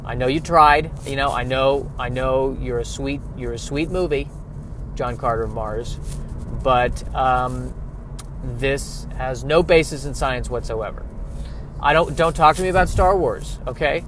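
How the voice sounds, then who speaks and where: A man's voice: mid-range voice, unhurried, a bit bright, a little hiss or hum, lightly acted. A man voicing a personified Science who phones a film to apologetically let it down, hesitant and stammering. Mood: exasperated. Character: awkward personified Science phoning a movie.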